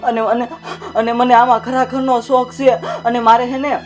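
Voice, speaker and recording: A woman's voice: fairly high pitch, little pitch movement, normal speed, over music, natural voice. A woman playing a tearful young village daughter. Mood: pleading. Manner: pleading, tearful. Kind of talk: village drama acting.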